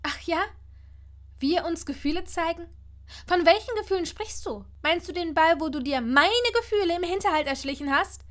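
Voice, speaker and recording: A woman voicing a fiery, hurt young witch who speaks loudly and with heated emphasis in a fan-fiction audiobook. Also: sits high, expressive, normal speed. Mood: furious.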